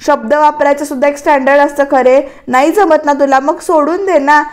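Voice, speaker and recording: A proud, irritable young man from a TV serial, scolding in a bossy, grumbling way, as a woman reads his lines aloud. The voice stays high, close to her own. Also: steady tone, normal speed, natural voice.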